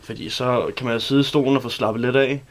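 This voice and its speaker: A man from Denmark, a barber, explaining his work haltingly with many fillers while he shaves a guest in a radio studio. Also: medium pitch, fairly even intonation. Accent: Danish.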